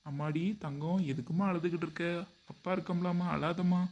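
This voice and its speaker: A man as a doting worried father, quick coaxing and pleading talk, comic family skit. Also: on the high side, steady tone, darkish tone, dull audio. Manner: coaxing and pleading, often groaning in dismay. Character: doting, fretful middle-aged father worried about money.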